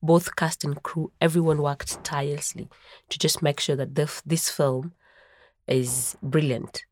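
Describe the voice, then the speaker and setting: Low-voiced Kenyan woman, excited. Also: unhurried. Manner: enthusiastic, exclamatory storytelling. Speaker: film actor and producer. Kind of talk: casual interview.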